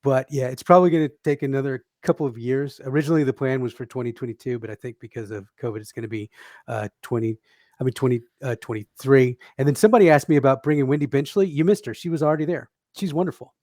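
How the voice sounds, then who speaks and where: Male event organizer; steady, informative, dry close mic. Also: medium pitch, quick pace, no echo. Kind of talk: casual Q&A chat.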